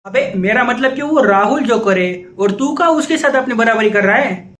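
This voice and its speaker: A man's voice: extremely high pitch, lively intonation, moderate pace, fairly bright tone. A man playing a young best friend who answers with short, teasing replies in a comedy sketch. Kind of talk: Hindi comedy sketch dialogue.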